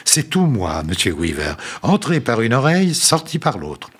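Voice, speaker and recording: A man reading a story aloud, voicing a sweet-talking landlady who gushes and flatters in a raised voice. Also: medium pitch, normal speed, slightly rough, pitched above the performer's own voice. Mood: sugary. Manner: gushing, honeyed, flattering. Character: sweet-talking older landlady, fussy and cloying.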